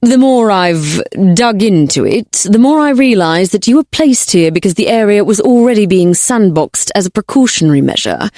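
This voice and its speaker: A woman's voice: medium pitch, expressive, normal speed, hardly any pauses, darkish tone, no room sound, studio quality, lightly acted. A woman voicing a male AI sidekick in an audiobook, sarcastic and a little hesitant. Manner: sarcastic, hesitant when delivering bad news. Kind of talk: audiobook character voice.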